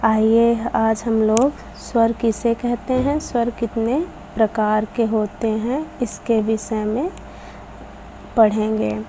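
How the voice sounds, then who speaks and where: Woman teacher, children's lesson, slow and repetitive, mellow voice, faint hiss behind. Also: a little high, fairly even intonation. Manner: slow, patient explaining with repetition; addresses children. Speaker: Hindi teacher.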